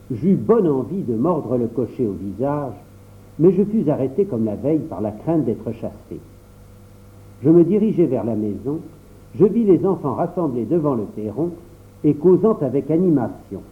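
A man reading a classic storybook aloud in the first person, with expressive storytelling. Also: mid-range voice, moderate pace. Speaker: audiobook reader. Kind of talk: storybook narration. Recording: tinny phone-like audio.

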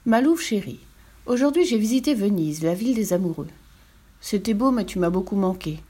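A woman voicing an eager young male wolf traveler in a storybook, talking in excited exclamations. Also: mid-range voice, brisk, husky. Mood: fond.

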